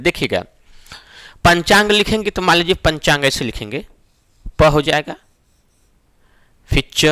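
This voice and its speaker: Male grammar tutor, middle-aged, explains methodically with frequent check-ins, higher pitch, dry recording. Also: sharp tone, no echo. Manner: explains step by step, often asks "ठीक है ना?". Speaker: teacher. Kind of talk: exam-prep Hindi grammar lesson.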